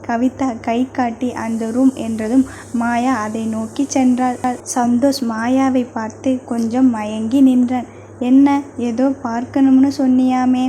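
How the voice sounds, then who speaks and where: Female audio-novel narrator, even delivery, mellow tone. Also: a little high, unhurried, slight background noise.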